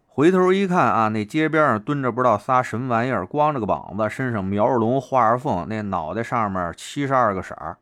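A man's voice: medium pitch, fairly bright tone, dry recording, clean studio sound. A man telling a story in a chatty, colloquial monologue, with heavy erhua.

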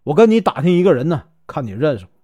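A man's voice: a little high, big pitch swings, very fast, dark tone, lo-fi sound. A man doing a teasing scruffy monk with a Northeastern accent. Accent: Northeastern Chinese. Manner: teasing, mock-humble banter. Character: scruffy, joking wandering monk, middle-aged man.

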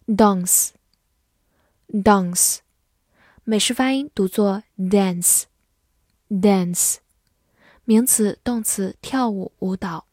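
A woman teaching an English vocabulary lesson, reading each word slowly and carefully, then explaining it. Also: mid-range voice, a little mellow, dry recording, studio quality.

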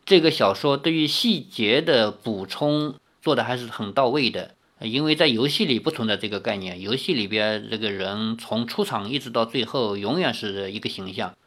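An audiobook reader narrating a novel adapted from a game, expressive, with casual personal asides. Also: medium pitch, moderate pace, few pauses.

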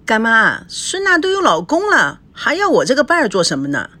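A woman voicing a cheeky, sharp-tongued young woman who teases. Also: on the high side, wildly swooping pitch, voice pushed up, full character voice. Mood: teasing. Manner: teasing, quick retorts.

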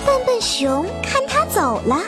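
Woman storyteller for kids, high lively voice, gentle music bed. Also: measured pace. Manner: expressive, sing-song storytelling. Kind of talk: children's story narration. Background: children's music.

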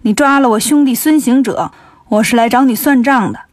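A woman voicing a clever, mischievous male monkey king in a children's story, cocky and quick-witted. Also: a little high, no echo, clean studio sound, natural voice. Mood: cheeky.

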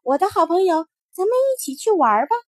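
A woman voicing a small, excitable child in a storybook reading. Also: quick pace, no room sound, clean studio sound. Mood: affectionate. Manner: eager, high childlike voice.

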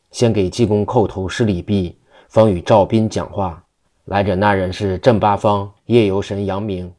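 A man reading a classical Chinese novel aloud in a steady, even manner. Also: fairly low pitch.

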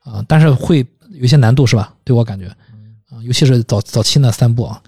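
A man's voice: mid-range voice, fast talker, gravelly, a little mellow, husky, no echo, clean studio sound. A man hosting a casual podcast about films, talking in thoughtful, rambling runs with hesitations. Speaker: podcast host. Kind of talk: casual film discussion.

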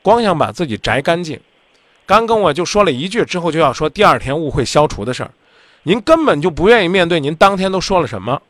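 A man's voice: a little high, sing-song, fast, fairly bright tone, no room sound. A man hosting a radio call-in advice show, talking bluntly and insistently, lecturing the caller.

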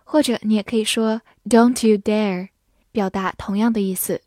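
A woman teaching English vocabulary, spelling each word letter by letter and reading the example sentences slowly and clearly. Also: medium pitch, steady tone, warm tone, no echo, studio quality. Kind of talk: slow, careful vocabulary lesson.

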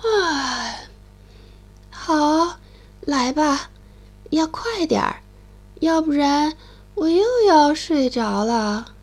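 A woman's voice: high-pitched, lively intonation, very slow, long pauses, full character voice. A woman voicing a sleepy, yawning little hedgehog. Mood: drowsy. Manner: drowsy, yawning.

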